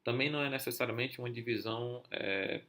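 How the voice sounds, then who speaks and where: A man's voice: mid-range voice, a little fast, a bit bright. A man teaching a lesson for a podcast, explaining step by step with many filler sounds and checking "certo?" with listeners, in Brazilian Portuguese. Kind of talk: explaining Hebrew accents over a text.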